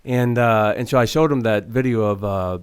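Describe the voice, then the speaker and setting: A man co-hosting a talk radio show, telling stories with halting speech and frequent chuckles. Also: fairly low pitch, clean tone. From Florida. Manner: hesitant, many fillers and restarts, chuckles often. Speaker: radio co-host. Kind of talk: casual talk radio chat.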